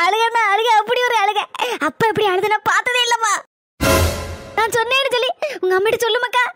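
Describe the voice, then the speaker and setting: A woman's voice: extremely high pitch, steady tone, brisk, music in the background. A woman voicing a scheming young married daughter in a Tamil cartoon, with a Kanyakumari accent and a wheedling, fake-tearful way of talking.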